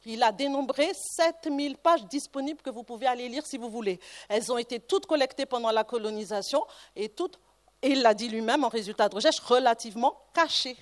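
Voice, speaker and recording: A woman's voice: a little high, a little fast. A woman researcher giving a conference talk, telling a personal anecdote with digressive asides and frequent restarts.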